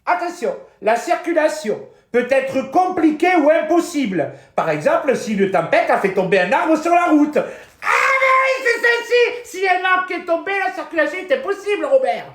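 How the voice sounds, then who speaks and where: A man voicing a shrill know-it-all who lectures a friend in mock-earnest, exasperated bursts during a comic live stream. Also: sing-song, normal speed, hardly any pauses. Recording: roomy echo.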